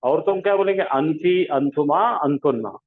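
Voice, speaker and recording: A man's voice: on the high side, animated, normal speed. A man teaching an Arabic grammar class, drilling pronouns with call-and-response questions. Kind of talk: classroom lesson. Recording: echoey room over a tinny phone-like line.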